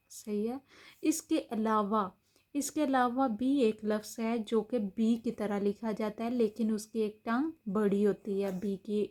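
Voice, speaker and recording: A woman's voice: a little high, warm tone. A woman teaching a language lesson, patiently explaining letter sounds, often repeating herself with small fillers and restarts. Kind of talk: explaining German pronunciation lesson.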